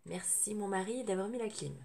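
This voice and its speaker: A woman's voice: medium pitch, fairly quick, creaky, warm tone. Woman with a thick, sore-throat voice. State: sore throat from tonsillitis, thick slightly odd-sounding voice. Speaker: sewing tutorial host. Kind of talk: casual spoken craft tutorial. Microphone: camera's built-in microphone at a distance. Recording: noisy room sound without microphone.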